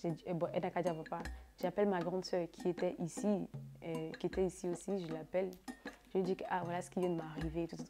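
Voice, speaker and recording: A young woman speaks quickly in a lowish voice, telling a laid-back storytime for her vlog while music plays underneath. She's animated and repetitive, leaning on fillers like "là" and "genre."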